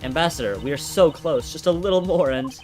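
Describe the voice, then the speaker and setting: Guy doing a snooty young lady prosecutor, pitched up, game music behind. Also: a little fast, darkish tone, close to an everyday voice. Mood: indignant. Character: stern proud young woman prosecutor.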